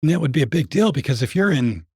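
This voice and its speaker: A man co-hosts a casual podcast with a badly rasping, hoarse voice. His delivery is conversational, and the sound is dry, with very little room in it. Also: fairly high pitch, animated, fast talker, a little mellow, no room sound. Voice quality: raspy, hoarse voice. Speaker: podcast co-host.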